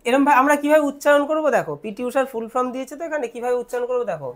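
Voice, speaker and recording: A young woman teacher with a Bengali accent explains a lesson step by step, posing questions and answering them herself while repeating words slowly. Her voice sits high and sounds animated.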